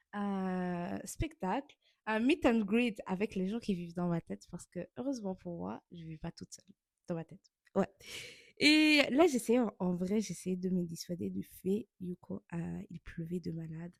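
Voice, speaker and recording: A woman's voice: fairly low pitch, normal speed, creaky, no echo. A young woman from Burundi narrating a vlog in voice-over, candid and self-mocking with loose slang. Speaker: vlogger.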